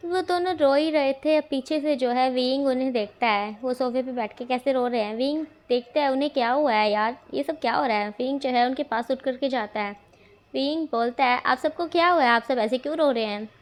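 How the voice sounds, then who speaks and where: High-voiced woman narrating a story casually. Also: normal speed. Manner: chatty, with frequent fillers. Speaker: fanfiction reader.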